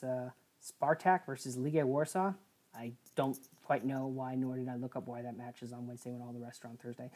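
A woman with a remarkably low, deep voice co-hosts a casual sports podcast. She rambles through the news roundup, pausing often on fillers and correcting herself as she goes. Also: darkish tone. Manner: rambling with frequent filler pauses and self-corrections. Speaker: podcast co-host.

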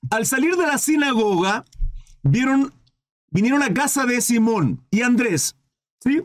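A man preaching in a livestreamed Bible study, reading scripture aloud, then commenting with rhetorical questions and asides to viewers. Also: extremely high pitch. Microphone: livestream microphone.

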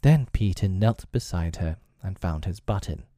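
A man reading a children's classic aloud as an audiobook narrator, in an expressive storytelling way. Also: low voice, moderate pace, dry recording, studio quality. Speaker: audiobook reader.

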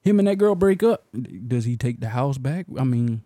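A man's voice: mid-range voice, animated, normal speed, dark tone, no echo, clean studio sound. A young man co-hosting a casual podcast, ranting bluntly, swearing and laughing often. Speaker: podcast co-host.

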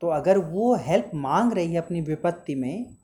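A woman's voice: on the low side, animated, moderate pace, mellow. A woman teacher reading a story aloud and explaining it, stopping to ask and answer her own questions and to explain word meanings, with English words mixed in.

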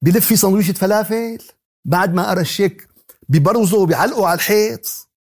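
Man, Levantine Arabic accent, Quran teacher, animated joking lesson, fast-talking, husky. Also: sits high. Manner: animated, joking, many rhetorical questions. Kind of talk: religious lesson in colloquial dialect.

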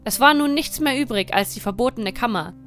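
A woman reads a dark fairy tale in a measured, dramatic way. Her voice sits fairly high, and soft music plays quietly under the narration. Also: expressive. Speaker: storyteller.

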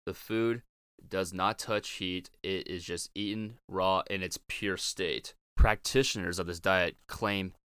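Male podcaster, lowish smooth voice, informal and blunt, opinionated solo talk, dry closet sound. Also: steady tone, a little slow, a bit bright, no echo. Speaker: podcast host. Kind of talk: casual opinionated podcast monologue. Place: small closet in a home bedroom.

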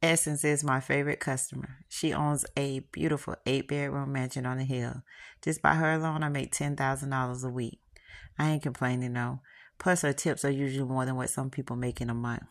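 A woman casually reading her own first-person erotic story, frank and unhurried. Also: extremely low pitch, level tone, creaky. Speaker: author and podcast host reading her book.

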